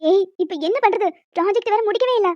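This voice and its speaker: A woman's voice: extremely high pitch, fast, a little mellow, dry recording. A woman voicing quarrelsome young female college students in a cartoon, bickering and teasing. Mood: worried. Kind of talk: cartoon voice acting. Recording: dull lo-fi dry sound.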